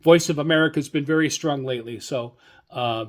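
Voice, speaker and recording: Hosting alone on an easygoing hobby radio show, the man speaks with excitement, stopping and starting, wandering, and repeating himself. His voice leans high.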